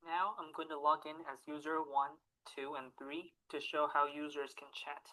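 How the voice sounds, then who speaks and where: A man's voice: on the high side, normal speed, low-quality recording. A teenage boy from Taiwan narrating a recorded demo of his school project in a scripted way. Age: teens. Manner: scripted, even, reading through steps. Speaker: student presenting a project.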